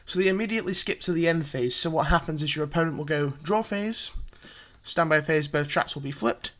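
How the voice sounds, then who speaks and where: Casual male presenter with a slightly high voice, talks through a deck with frequent fillers. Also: fairly quick, a bit bright. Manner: chatty, filler-heavy, explains step by step. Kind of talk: casual card game explanation.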